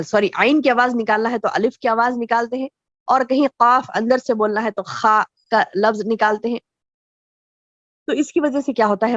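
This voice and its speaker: Woman religious teacher, fairly high voice, dry dull lo-fi recording, repetitive teaching lecture. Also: dry recording. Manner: explains slowly with repeated phrases and rhetorical questions.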